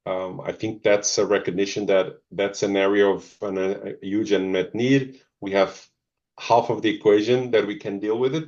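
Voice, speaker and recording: A middle-aged pharma executive from Zimbabwe, of a Portuguese family and with Portuguese as his first language, answers interview questions thoughtfully as a guest. His deep, darkish voice is hesitant, full of pauses, ums and restarts, and the audio is dull and lo-fi.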